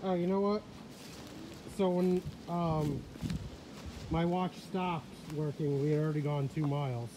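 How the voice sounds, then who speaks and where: A man's voice: on the high side, fairly even intonation, measured pace, pauses often, background noise. A man chatting and joking playfully with a companion while filming a hike on a wooded trail. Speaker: hiker filming a trail vlog. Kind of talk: casual chat while hiking.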